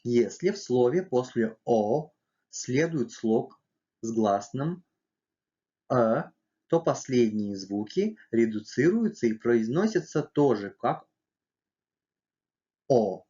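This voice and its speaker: A man gives a scripted language lesson at a very slow, deliberate pace, pausing on each letter and sound. His voice sits in an ordinary middle pitch, and the recording is muffled and lo-fi. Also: animated, dark tone. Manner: slow, careful, spelling out letters and sounds one by one. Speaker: language teacher.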